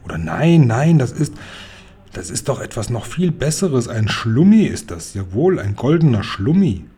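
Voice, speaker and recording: A man reading aloud, voicing a big, kindly old male giant who gets excited and mixes up his words. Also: medium pitch, normal speed, breathy edge. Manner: excited, garbled word choices.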